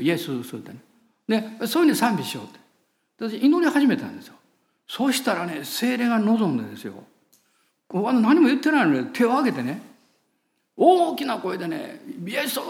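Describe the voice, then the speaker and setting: A man with a Kansai accent preaching a sermon as pastor, telling a story in an animated way and laughing at himself. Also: high voice, vocal fry. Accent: Kansai Japanese.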